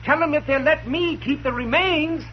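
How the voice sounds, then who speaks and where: An actor playing a sardonic frontier town doctor with a wry, ghoulishly cheerful manner, on an old radio broadcast. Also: male voice, very high-pitched, moderate pace, lo-fi sound, a little hiss or hum. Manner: wry, gleeful about gruesome work.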